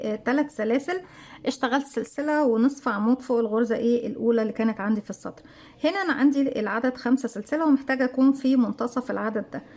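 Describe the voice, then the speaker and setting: A woman with an Egyptian Arabic accent leads a crochet lesson, talking quickly in a somewhat high voice. She counts each stitch aloud and poses questions to herself before answering them, in the steady manner of a tutorial. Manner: talks herself through steps, counts stitches aloud, asks and answers her own questions. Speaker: crochet teacher. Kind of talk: step-by-step tutorial narration.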